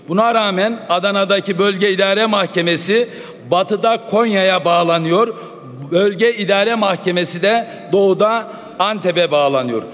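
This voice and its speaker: A man addressing parliament from the rostrum microphone. He delivers a formal speech in a measured, oratorical manner with pointed appeals. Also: high-pitched, fairly bright tone. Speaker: member of parliament. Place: at the speaker's rostrum microphone in a large assembly hall. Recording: long reverb of a large hall.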